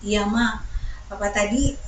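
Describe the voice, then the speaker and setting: A woman's voice: mid-range voice, background noise, lightly acted. A woman preacher voicing a sheepish middle-aged husband who hesitantly confesses to his wife. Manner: hesitant, halting. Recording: echoey church hall from far off.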